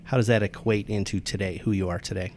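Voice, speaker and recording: Male interview host with a low voice, conversational, stops and restarts often. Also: fairly even intonation, fast, a little mellow, a little hiss or hum. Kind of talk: interview with a sponsor read.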